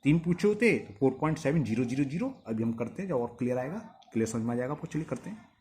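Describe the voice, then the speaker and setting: A man teaching a maths lesson, asking quick questions and answering them himself as he repeats each step. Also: medium pitch, animated, a little mellow, slight background noise. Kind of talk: blackboard-style maths lesson.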